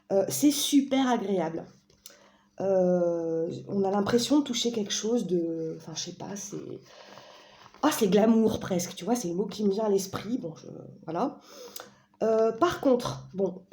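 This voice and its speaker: Une femme présente un jeu d'oracle en causerie décontractée, joueuse et bavarde, avec beaucoup d'hésitations. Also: female voice, medium pitch, warm tone. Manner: chatty, playful, frequent fillers and self-corrections. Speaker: vlogger presenting an oracle deck. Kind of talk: casual chat.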